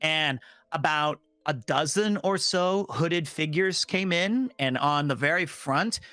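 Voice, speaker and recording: A man and voice actor telling a strange work story in casual chat, animated and acting out the voices he quotes. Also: a little high, takes it slowly, dry recording.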